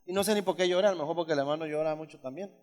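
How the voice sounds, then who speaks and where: A male pastor preaching a sermon, emphatic and conversational, often asking the congregation questions. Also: racing. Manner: emphatic, shifts from loud high exclamations to low asides. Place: church hall. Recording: hall reverb.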